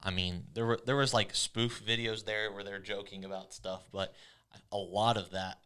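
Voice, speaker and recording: A man's voice: lowish voice, flat delivery, a bit bright, clean tone. A man, co-hosting a casual church video chat, agreeing readily and adding his own points. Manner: agreeable, chiming in with quick affirmations. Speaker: church staff co-host.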